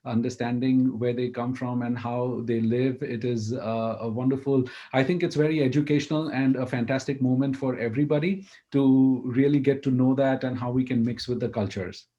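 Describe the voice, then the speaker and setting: A man's voice: medium pitch, steady tone, moderate pace, hardly any pauses, mellow. A man from Mumbai, India, introduces himself as a podcast guest in a friendly way, with many fillers. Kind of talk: conversational panel talk. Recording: dull lo-fi audio.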